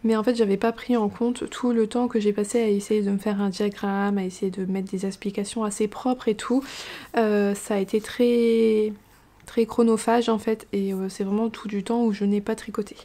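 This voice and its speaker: Chatty woman, mellow voice. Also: mid-range voice, flat delivery, normal speed. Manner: chatty, many fillers and restarts; hushed, half-whispered talk. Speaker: knitting vlogger. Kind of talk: casual chat.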